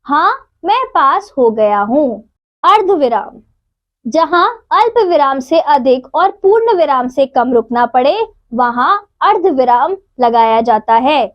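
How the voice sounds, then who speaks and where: A woman teaching a grammar lesson to children, reading out examples slowly and clearly. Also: high voice, animated, dull audio.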